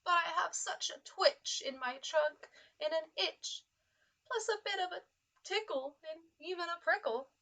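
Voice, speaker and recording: A woman voicing a big, gentle, easily frightened male elephant in an expressive storybook reading. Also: very high-pitched, unhurried, gravelly, voice pushed up, exaggerated voice. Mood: sad, apologetic. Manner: exaggerated, expressive storybook delivery.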